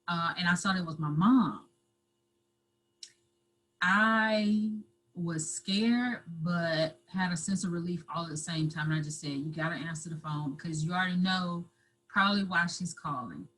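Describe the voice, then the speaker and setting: A woman guest telling her own story in an interview, halting and repeating herself, at times close to tears. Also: lowish voice, fairly bright tone, a little hiss or hum, poor audio. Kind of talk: emotional personal storytelling.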